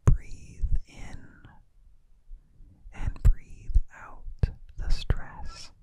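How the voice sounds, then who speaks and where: A young man gives a soothing ASMR pep talk of affirmations in a breathy whisper close to the microphone, repeating drawn-out phrases. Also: warm tone, poor audio. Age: young adult. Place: small dim indoor room. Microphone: studio microphone close to the mouth, binaural.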